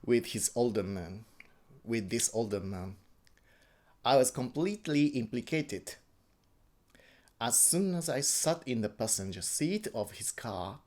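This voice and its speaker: A man from Japan with a Japanese accent gives a personal account in halting English, often repeating and correcting words. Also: mid-range voice, a little mellow. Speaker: interviewee.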